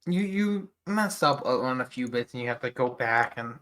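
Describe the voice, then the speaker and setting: A woman's voice: rumbling low, expressive, normal speed, a bit bright. A woman narrating as game master of a tabletop game, hesitant and restarting often.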